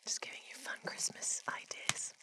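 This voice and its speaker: A woman doing playful, chatty ASMR in a breathy whisper, very close to the microphone, right in the listener's ear. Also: moderate pace. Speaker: ASMR host. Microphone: close ASMR microphones, two of them.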